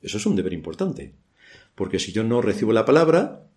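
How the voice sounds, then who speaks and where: A man's voice: lowish voice, very animated, a little fast, a little mellow. A man from Spain with a Spanish accent preaching a church sermon, asking rhetorical questions and adding dry ironic asides.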